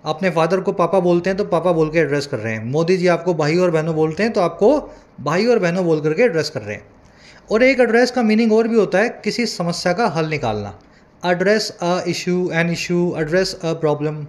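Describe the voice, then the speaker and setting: A man teaching vocabulary in Hindi, with many asides and checks like "है ना", and reading lines slowly and carefully. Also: high-pitched, expressive. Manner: reads English lines slowly and deliberately. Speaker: English tutor. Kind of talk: Hindi-English newspaper reading lesson.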